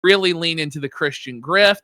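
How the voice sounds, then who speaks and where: A woman's voice: low voice, brisk, sharp tone, dry recording, studio quality. A woman co-hosting a livestream, reading donation messages aloud in casual commentary, laughing and swearing freely. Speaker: stream co-host reading donations.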